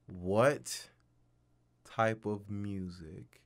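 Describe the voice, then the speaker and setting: Low-voiced male co-host, playful interviewer, teasing tone. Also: fairly even intonation, drawn-out words. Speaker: podcast co-host asking questions. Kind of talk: casual chat.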